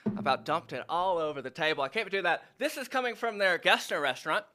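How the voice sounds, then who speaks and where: A man's voice: sits high, expressive, fast, sharp tone, a little hiss or hum. A man hosting a local morning show from a studio, chatty and upbeat, talking between bites of breakfast. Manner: chatty, eats on air, upbeat. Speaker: studio host. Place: indoor studio.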